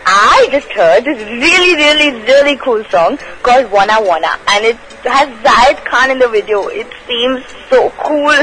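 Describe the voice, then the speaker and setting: A woman's voice: a little high, lively intonation, moderate pace, few pauses, fairly bright tone, rough recording. A young woman with a North Indian accent co-hosting a radio show, chatting casually in a gushing, girlish way. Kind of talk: casual chat mixing Hindi and English.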